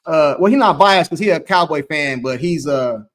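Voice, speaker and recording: High-voiced man hosting a sports chat. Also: animated, moderate pace, a bit bright. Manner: loose, rambling, repeats himself. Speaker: host.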